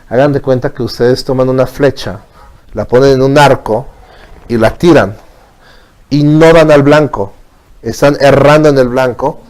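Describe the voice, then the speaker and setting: A man's voice: medium pitch, darkish tone. A man teaching a religious lesson, explaining patiently and checking in with his listeners often.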